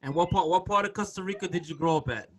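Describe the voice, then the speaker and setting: A man's voice: sits high, fast. A man hosting a casual podcast interview, eager, repeating his questions and cutting in. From raised in Brooklyn and Boston. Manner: eager, repeats himself, cuts in. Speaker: podcast host.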